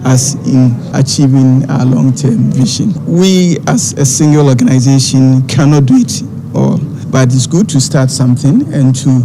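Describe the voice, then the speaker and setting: A man giving formal corporate remarks as a company representative, phrase by phrase and haltingly. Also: medium pitch. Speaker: company representative speaking at a launch. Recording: muffled, with faint background noise.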